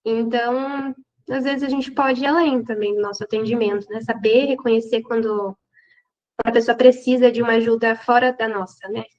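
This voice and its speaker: A woman's voice: fairly high pitch, steady tone, normal speed, darkish tone. A woman guest with an interior São Paulo accent, talking in an earnest, reflective way that often ends on "né?". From Brazil. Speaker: guest physiotherapist. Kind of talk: casual interview chat. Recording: dull lo-fi sound.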